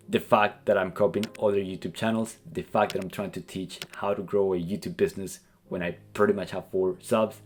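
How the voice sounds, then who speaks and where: A South American man with a matching accent, a YouTube creator and business coach, earnestly lays out his plans in a casual talking-head vlog, dropping plenty of "like" and "kinda." His voice is low and darkish, with slight background noise.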